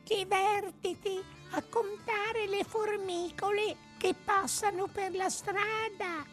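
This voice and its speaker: A woman voicing a placid, unhurried female snail with a slow, drawn-out, calm delivery. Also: very high-pitched, faint music behind, exaggerated voice.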